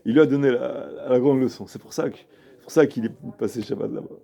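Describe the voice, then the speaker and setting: A man's voice: mid-range voice, steady tone, brisk, creaky, mellow, husky. A man, a rabbi, giving an informal lesson and telling a story, emphatic and repeating himself as he talks straight to his listener.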